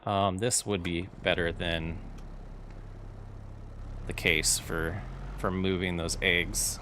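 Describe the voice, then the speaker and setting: This farming-game streamer speaks in a low, sharp voice with flat delivery and a slow pace. He chats casually with viewers and rambles through their questions, with faint game vehicle noise in the background.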